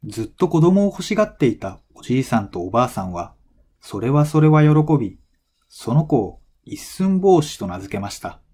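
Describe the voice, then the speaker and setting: A man narrates a folktale from a script for language learners, telling it in a measured, clearly phrased way. His mid-range voice is mellow and very animated.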